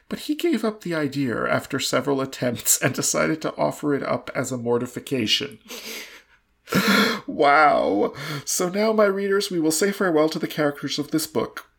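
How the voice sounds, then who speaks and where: A woman with a low, husky voice co-hosts a podcast. She reads a story dramatically and chats casually with a wry sense of amusement.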